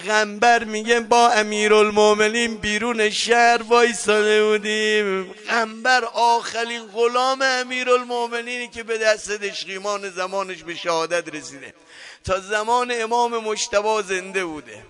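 A man's voice: high-pitched, fairly even intonation, a bit bright, faint music behind. A man leading a chanted religious mourning recitation. He moves between sung lament and spoken storytelling, and he speaks straight to the listeners.

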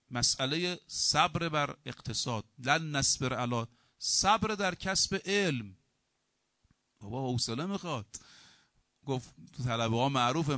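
A middle-aged man preaching a sermon as a cleric, telling humorous anecdotes and moving between loud emphasis and quieter asides. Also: mid-range voice, no room sound. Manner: lively storytelling with humor, acting out quoted dialogue.

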